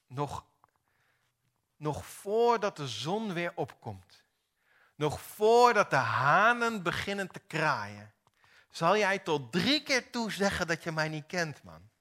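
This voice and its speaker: A man voicing a gentle, loving male teacher who speaks softly and fatherly in a retold story from the pulpit. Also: high-pitched, sing-song, slow pace, voice pushed up, full character voice. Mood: tender. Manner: soft, fatherly, calls him lad.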